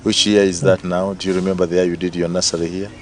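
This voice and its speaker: A man hosts the interview in a very deep voice, probing with questions and echoing back what his guest says. Faint noise hums behind him. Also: little pitch movement, fast. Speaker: talk show host.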